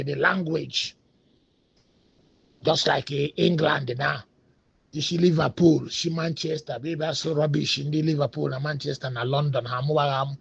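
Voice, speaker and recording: A man speaking with a Nigerian Igbo accent, a native Igbo speaker, rambles casually in a mix of English and Igbo, hesitating with lots of fillers. His voice is a little high, creaky, and husky, on a dull lo-fi recording with no room sound.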